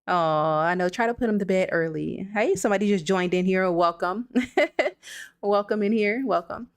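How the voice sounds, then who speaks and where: With a smooth, medium-pitched voice at a moderate pace, this livestream host speaks into a computer mic on her streaming setup. She keeps things informal and soothing as she goes through what viewers have written.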